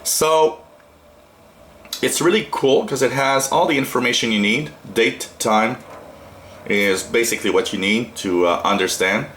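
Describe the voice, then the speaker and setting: Sitting at a radio desk in a small room, a man from Canada rambles hesitantly through an unscripted, casual hobby tutorial presenting a shortwave radio product. He speaks a little slowly in a medium-pitched, slightly bright voice, and a faint hiss or hum is present.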